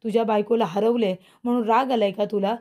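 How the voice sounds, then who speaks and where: A proud young woman in a serial drama snaps back and defends herself, as a woman narrator reads her. The voice is fairly high and soft in tone. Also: fairly even intonation, fairly quick, dull audio, natural voice. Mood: defiant. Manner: defiant, retorting. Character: defiant young woman, proud and sharp-tongued.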